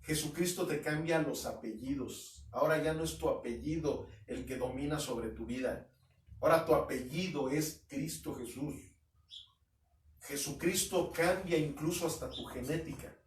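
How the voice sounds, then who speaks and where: A man preaches an expository sermon in a high, emphatic voice. He now and then mimics doubters mockingly. The sound is roomy and echoey, picked up from a little distance. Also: moderate pace. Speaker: pastor. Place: at home. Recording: echoey room, mic at a distance.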